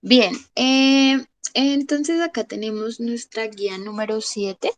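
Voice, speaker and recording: Slow, patient woman teacher. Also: a little high, no room sound, low-quality recording. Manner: slow, repeats "¿listo?" to check understanding. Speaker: English teacher. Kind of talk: online class explanation.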